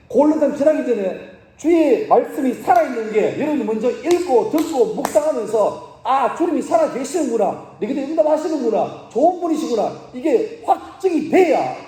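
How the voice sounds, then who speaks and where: A man in his forties, a pastor, preaching to young people in a colloquial, animated way, jumping from loud cries to quiet asides. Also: extremely high pitch, a little fast, reverberant. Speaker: pastor and school teacher.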